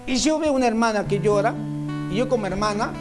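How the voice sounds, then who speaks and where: A man's voice: sits high, lively intonation, quick pace, over music. A man preaching a sermon, speaking straight to his listeners and driving points home through repetition. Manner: repetitive emphatic phrasing, speaks directly to listeners. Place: church meeting room.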